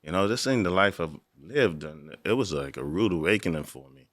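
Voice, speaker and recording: Man from the Bahamas, very deep voice, dry close sound, earnest, reflective interview guest. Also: lively intonation, fairly quick, no echo. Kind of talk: interview storytelling.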